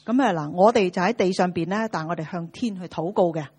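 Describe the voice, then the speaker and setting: Quick, husky woman interpreting a sermon. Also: on the low side, darkish tone. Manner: quick, with many filler particles.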